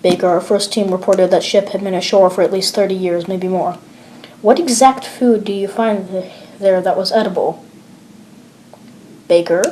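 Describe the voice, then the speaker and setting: A woman's voice: medium pitch, fairly even intonation, moderate pace, dark tone, a little hiss or hum, natural voice. A stern male commander barking curt orders over the radio, as a woman reads him. He keeps it clipped and clinical, a voice of command in an amateur horror audio log.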